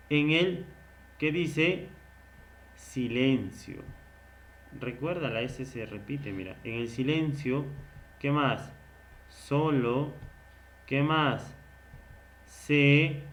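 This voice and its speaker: A man teaching literature in a recorded lecture. He asks questions and answers them himself, and he repeats key words slowly. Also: fairly high pitch, fairly bright tone.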